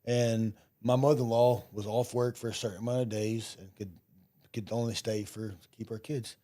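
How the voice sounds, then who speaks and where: Male podcast host, dark warm tone, relaxed conversational storyteller. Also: lowish voice, moderate pace. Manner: frequent affirming back-channel, rambling anecdotes. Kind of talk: casual podcast interview.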